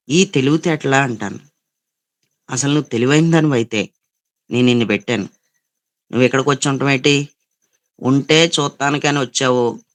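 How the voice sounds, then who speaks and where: A man's voice: medium pitch, a bit bright. A man with a Telugu accent preaching a sermon as a pastor, repeating phrases and scolding his listeners. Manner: repetitive, scolding preaching with quoted voices.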